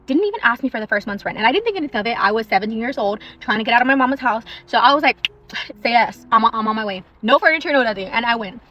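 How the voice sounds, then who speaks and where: A young woman in a parked car telling a true story in a chatty, animated way, eating on her lunch break. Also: a little high, very fast, dull audio. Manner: chatty and animated, eating while she talks. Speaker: social media storyteller.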